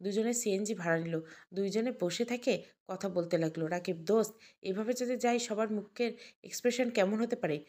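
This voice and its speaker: A woman's voice: mid-range voice, brisk, a little mellow. A woman narrating an audio story and reading every character's lines herself, naming each speaker before the line.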